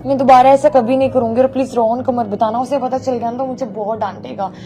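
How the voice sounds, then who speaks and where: A woman's voice: a little high, steady tone, fast, warm tone, lightly acted. An actress playing a young woman, a model, who pleads and apologizes at length to her elder sister-in-law in a chatty, wheedling way. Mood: pleading, apologetic. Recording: background score music.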